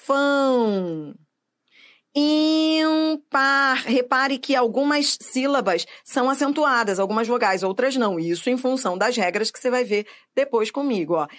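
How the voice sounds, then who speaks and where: A woman teaching Portuguese grammar for exam prep, stretching words out and checking in with the viewer. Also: fairly high pitch. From Brazil. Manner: didactic, drawn-out syllables, checks in with the viewer.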